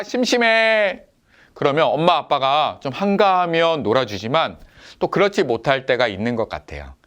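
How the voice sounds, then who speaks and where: A man with a fairly high voice preaches a children's sermon, his pitch rising and falling freely as he tells stories. He asks the children quiz questions and briefly acts out family members' lines in a gentle, storytelling manner. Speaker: children's pastor.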